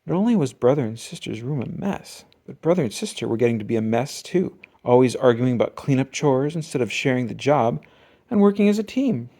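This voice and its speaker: Casting: picture-book narrator, adult, mid-range voice, expressive with wide swings in pitch and emphatic key words. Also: a little fast. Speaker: storybook reader. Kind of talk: scripted children's storybook narration.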